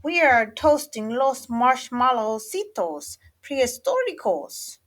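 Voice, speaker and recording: A woman acts a small, jolly Chihuahua from a storybook. The voice is very high and animated, playfully calling out in mock-Spanish words. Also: slow, heavily acted. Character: band of jolly little Chihuahua dogs, amigos.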